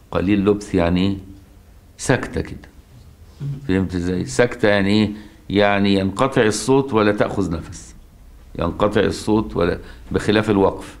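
A middle-aged man with an Egyptian accent teaching a religious lesson. He explains step by step, often checks whether listeners have understood, and recites quoted verses slowly and deliberately. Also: sits low. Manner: checks understanding with rhetorical questions.

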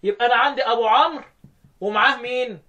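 In a muffled recording, a man with a very high-pitched, bright, forceful voice and an Egyptian Arabic accent instructs a student in the variant Quran readings. He uses call and response, quizzing, repeating the replies, and going over phrases slowly.

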